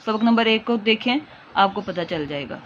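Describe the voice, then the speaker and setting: A woman teaching Quran reading, speaking with a Pakistani Urdu accent and patiently drawing out each syllable in slow drills. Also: mid-range voice, expressive. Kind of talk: slow instructional recitation lesson. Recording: dull lo-fi audio, faint hiss.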